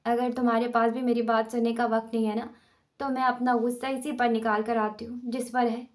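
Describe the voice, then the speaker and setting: A woman's voice: on the high side, flat delivery, lightly acted. A woman reading the part of a young wife who is indignant, ranting and sarcastic in an audiobook novel.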